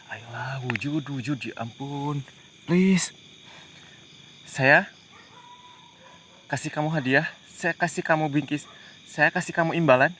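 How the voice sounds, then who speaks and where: A man hosting a paranormal investigation, giving hushed, tense live commentary outdoors at night among trees, muttering prayers and pleading. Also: fairly high pitch, slight background noise. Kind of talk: live ghost-hunting commentary.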